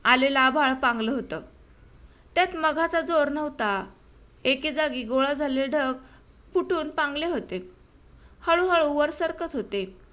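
A woman narrating a short story for an audiobook in a steady storytelling manner. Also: high-pitched, a little slow, long pauses.

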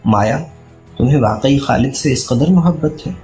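A man voicing a steady young woman who speaks in a measured, reasoning way, in an echoey room with faint music. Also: medium pitch, close to an everyday voice. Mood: calm. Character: calm, steady young woman, a feverish companion.

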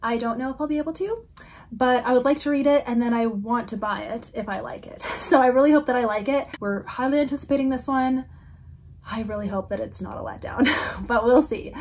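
Woman book vlogger, fairly high voice, going hoarse, casual and giggly, slips into near whispers. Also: brisk, darkish tone. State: losing her voice. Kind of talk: casual chat to camera.

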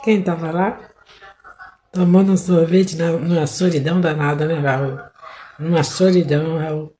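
A woman voicing a lovesick adult woman who leaves syrupy, drawn-out love messages for several men, in a comic sketch. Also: sits low, fairly even intonation, dark tone, roomy sound, a little hiss or hum. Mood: reminiscing. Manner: syrupy, cooing, drawn-out endearments.

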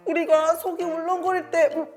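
A woman teaching English to children in a playful lesson, acting out being sick and saying English phrases slowly for kids to repeat. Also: very high voice, flat delivery, darkish tone, soft background music. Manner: slow, carefully enunciated English phrases for repeating.

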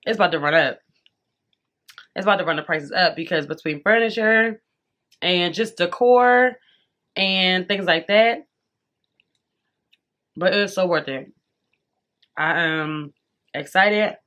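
Speaking slowly and pausing often, this young woman has a lowish voice with a fairly bright tone, and the audio sounds dull. She vlogs casually from her bedroom, chatting to "y'all" through a slightly stuffy nose while eating.

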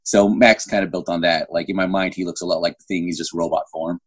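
Talking quickly in a steady, low, husky voice, this middle-aged novelist is a guest on a casual interview, looping back and restarting his thoughts with repeated false starts. He's in a room at home, calling in on a phone at arm's length, yet the audio is studio quality with no echo.

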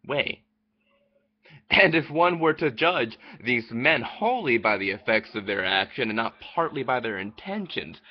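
Slightly rough and mid-range, this man's voice comes through dull audio as he reads an old essay aloud. The twenties-aged vlogger sits in a small indoor room by a window, halting under a speech jammer, repeating words and restarting mid-word.

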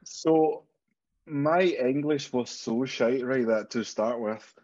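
In a casual interview chat, a Spanish man in his thirties joins by video call from a room at home, speaking frankly and swearing freely with a Spanish accent. His mid-range voice is a little mellow and he takes his time, with dull audio.

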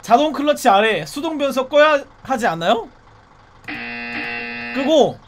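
A man streaming a driving game live, talking to his viewers and breaking into excited, repeated shouts. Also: very high-pitched, unhurried, noisy background.

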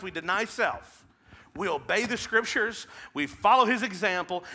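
A Midwestern American pastor in his thirties delivers a sermon from a church stage in a strikingly high, bright voice. He rises to loud, emphatic calls and then drops to hushed, almost whispered lines. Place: large church stage with blue-lit backdrop.

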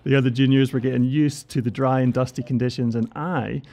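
Gravelly, mellow-voiced man calling a race course. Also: mid-range voice, fairly even intonation, a little fast. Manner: upbeat, chatty, laughs between remarks. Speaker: mountain bike race presenter. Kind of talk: voice-over course preview commentary.

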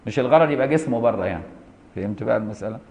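A middle-aged man with an Egyptian Arabic accent teaches a classroom jurisprudence lesson at a brisk clip. He reads a formal text aloud, then breaks into lively, colloquial explanation. He checks in with his students now and then with quick rhetorical questions. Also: fairly low pitch, vocal fry, muffled recording.

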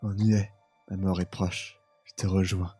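A man acting an emotional young boyfriend in an audio drama, easily exasperated and expressive. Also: sits low, unhurried, over music. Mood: resigned, solemn. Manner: expressive, swinging from soft narration to anguished cries.

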